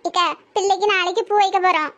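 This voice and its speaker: A woman's voice: extremely high pitch, steady tone, fast, fairly bright tone, muffled recording. A woman voicing a determined village mother who explains herself insistently, with a Tirunelveli Tamil accent, in a cartoon. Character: determined village mother marrying off her daughter.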